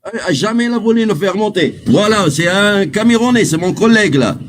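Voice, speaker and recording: Raised-pitch Moroccan-born man, insistent. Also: animated, a little fast. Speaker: panel caller. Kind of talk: casual live-stream complaint.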